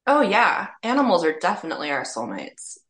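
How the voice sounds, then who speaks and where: A middle-aged woman co-hosts a casual podcast with an easygoing, friendly manner. She tends to agree warmly with her friend and laughs readily while she talks. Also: on the low side, very animated, fairly quick. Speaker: podcast co-host. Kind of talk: casual chat.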